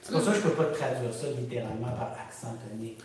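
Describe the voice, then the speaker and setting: A man's voice: medium pitch, very fast, crowd noise. A man arguing over a translation in casual chat, slipping in English phrases. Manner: argumentative, mixes in English phrases. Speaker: host. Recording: very echoey, distant mic with faint noise.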